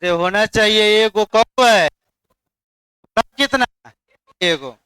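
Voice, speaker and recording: A high, bright-voiced man lectures a class at an unhurried pace. He keeps urging students to look carefully and quizzes them one by one. His voice is smooth and clear, recorded close and dry. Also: no room sound. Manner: coaxing, repeats "dekhiye" to hold attention, quizzes students. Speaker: chemistry teacher.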